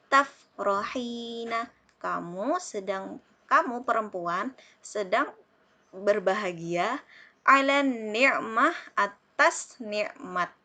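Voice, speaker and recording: A woman Arabic teacher with an Indonesian accent, giving a recorded lesson and slowly drilling word forms one by one. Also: mid-range voice, pushed and bright.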